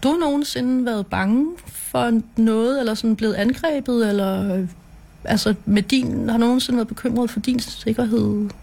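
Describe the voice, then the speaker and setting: A woman radio reporter narrating and asking questions at a crowded election party, quick and informal. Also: a little high, vocal fry. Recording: loud crowd and music behind.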